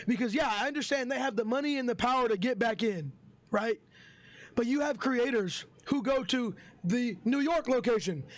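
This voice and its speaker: A young streamer with a high-pitched, hoarse voice vents to his viewers in a heated storytime. He swears freely and keeps calling them "bro" and "guys". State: hoarse from yelling. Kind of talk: storytime rant to chat.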